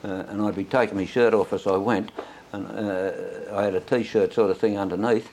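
A man's voice: lowish voice, steady tone, moderate pace, darkish tone, a little hiss or hum. An elderly Australian man, an old veteran remembering his younger days in a rambling, anecdotal way for an oral history. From Sydney, Australia. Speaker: interviewee, war veteran.

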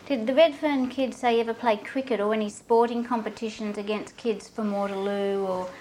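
A woman with a fairly high voice puts questions in a casual interview. Her phrasing is tentative and halting, and there is noticeable noise in the recording. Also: fairly even intonation, a little mellow, poor audio. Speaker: oral history interviewer.

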